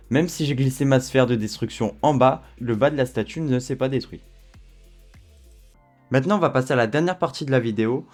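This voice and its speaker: A man walking viewers through a software tutorial in a relaxed, chatty way, with frequent fillers. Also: medium pitch. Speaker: tutorial host. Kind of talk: screen-recorded software tutorial.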